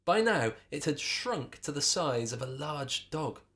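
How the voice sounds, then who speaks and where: A man's voice: a little high, big pitch swings, measured pace, fairly bright tone. A man reading his children's book aloud, narrating with dramatic expression.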